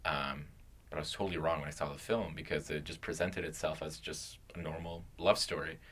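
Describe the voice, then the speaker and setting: Very deep, bright-toned young man. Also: steady tone. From Canada. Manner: halting, with frequent "um"s. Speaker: podcast co-host. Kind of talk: casual chat.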